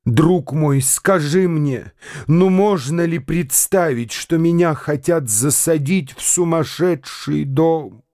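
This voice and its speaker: A man's voice: on the high side, slow pace, darkish tone, dry recording, clean studio sound. A man voicing a frail, tearful elderly prince who pleads in a trembling, raised voice in a radio drama reading. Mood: tearful rapture.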